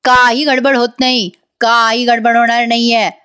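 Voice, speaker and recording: Woman playing a brusque, dismissive schemer, fairly high voice. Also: little pitch movement, moderate pace, bright, forceful tone, clean tone. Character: scheming threatening middle-aged man.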